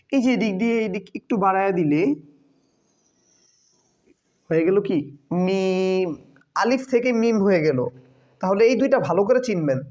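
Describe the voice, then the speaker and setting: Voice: medium pitch, darkish tone. A teacher, patiently walking learners through letters step by step, repeating them and quizzing with short questions. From Bangladesh. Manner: patient, drills by repetition and quiz questions. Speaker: Quran teacher. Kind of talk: step-by-step lesson. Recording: dull lo-fi recording.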